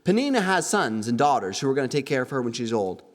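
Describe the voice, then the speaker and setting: A man preaching a sermon as pastor at a church service, in an animated preaching manner that acts out the figures he quotes. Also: medium pitch, fast, big-room sound.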